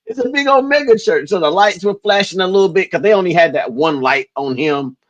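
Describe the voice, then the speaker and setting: A man with a somewhat raised pitch tells stories in animated, casual chat. He laughs often and keeps things lively. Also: brisk, dull audio. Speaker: podcast co-host.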